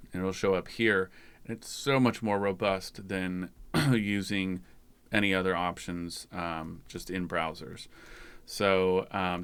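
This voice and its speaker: A man's voice: sits low, a bit bright, clear, resonant tone. A man hosting his own channel, giving a loose, rambling, conversational screen-share tutorial. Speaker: tech channel host.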